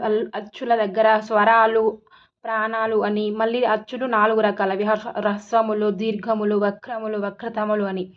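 A woman's voice: fairly high pitch, muffled recording. A woman teacher giving an exam-prep lesson, asking questions and answering them herself, repeating key terms. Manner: repetitive drilling, asks and answers own questions.

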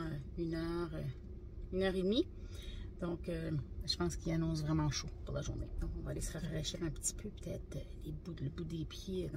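A woman's voice: deep voice, creaky, background noise. A woman in her forties with a Québécois French accent, chatting with viewers on a casual travel vlog. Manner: chatty, talks straight to viewers. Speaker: vlog co-host. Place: car interior, then backyard pool outdoors. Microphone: phone camera at arm's length.

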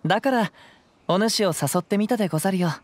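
A male actor playing a gentle, poetic young wandering samurai in a video game, speaking calm, measured, old-fashioned samurai Japanese. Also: high-pitched. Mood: calm, thoughtful. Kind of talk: scripted game dialogue. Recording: clean voice over background music.

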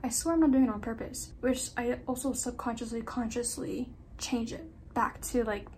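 A woman's voice: on the high side, moderate pace, a little mellow, slight background noise, poor audio. A young woman with a slight lisp, chatting casually at home while getting ready, rambling and self-deprecating. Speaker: vlogger. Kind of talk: casual get-ready-with-me chat. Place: at home, indoors.

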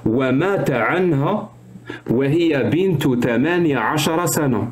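Man, middle-aged, live-stream debate host, insistent, repeats himself, higher voice, noisy video call. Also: lively intonation, measured pace.

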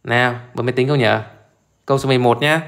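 A male math teacher talks through exam questions in a brisk, informal way. He keeps stopping to ask his listeners whether they follow, repeating short prompts again and again. His voice sits in an ordinary middle register. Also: medium pitch, steady tone, fairly bright tone. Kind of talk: live exam solution walkthrough.

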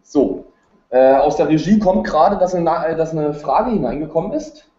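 A man's voice: fairly high pitch, lively intonation, moderate pace, warm tone. A man gives an informal, unscripted webinar presentation. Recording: roomy, dull webinar audio.

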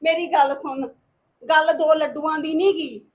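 A woman plays a resentful neighbor in a family drama, speaking bitterly and reproachfully. Her voice is high. A faint hiss sits behind her. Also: steady tone, normal speed, lightly acted. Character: resentful married neighbor, feeling snubbed. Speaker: neighbor married fifteen years. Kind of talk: domestic drama acting.

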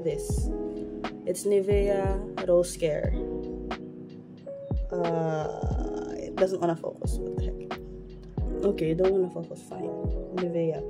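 A Filipina beauty vlogger with a lowish voice talks slowly through a casual get-ready-with-me makeup session, rambling self-consciously and restarting often. She's indoors in her bedroom at home, filmed on a phone camera held at arm's length, with music playing in the background.

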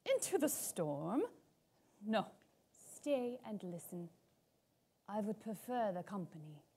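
A woman voicing a menacing male vampire in a storybook, speaking slowly and drawn out. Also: mid-range voice, very animated, dark tone, slightly rough, full character voice. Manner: slow, drawn-out delivery. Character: deep slow-spoken male vampire, menacing. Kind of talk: storybook narration.

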